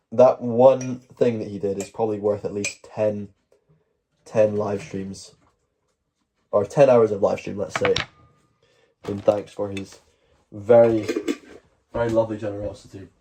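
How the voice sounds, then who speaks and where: A man's voice: on the low side, dark tone, slight background noise. A Scottish man chatting casually on a livestream, rambling along with jokey mock-boasting. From Scotland. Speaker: live streamer. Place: at home, moving between outdoors and indoors.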